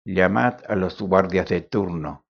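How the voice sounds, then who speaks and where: A man's voice: sits low, slow pace, creaky, heavily acted. A man voicing a devoted, frail old male servant who speaks solemnly and formally. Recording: dull lo-fi recording.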